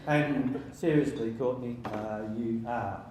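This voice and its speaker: A man in his sixties giving an informal wedding speech as father of the bride, halting and jokey with sentimental touches. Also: medium pitch, darkish tone. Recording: very echoey room with faint background noise.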